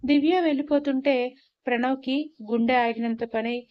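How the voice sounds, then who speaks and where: A woman narrating a scripted romance story in a steady storytelling manner. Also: sits high, normal speed. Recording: dull lo-fi recording.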